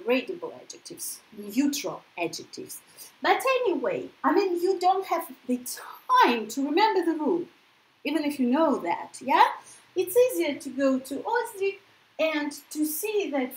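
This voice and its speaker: A high-sitting female voice with a Russian accent belongs to a Russian-born woman chatting her way through a casual English lesson. She keeps checking in with tag questions like "yeah?", and the rough recording has an echoey room quality.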